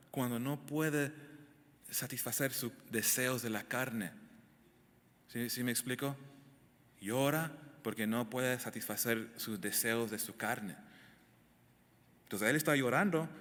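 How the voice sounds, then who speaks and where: A man's voice: mid-range voice, a bit bright. A male pastor teaching a verse-by-verse Bible sermon, emphatic and asking the congregation direct questions. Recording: echoey hall, long reverb.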